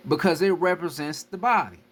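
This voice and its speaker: A young man with a fairly high-pitched voice talks fairly quickly, delivering a casual, profane street-style lecture on spiritual ideas. As a spiritual teacher, he speaks emphatically and keeps repeating himself.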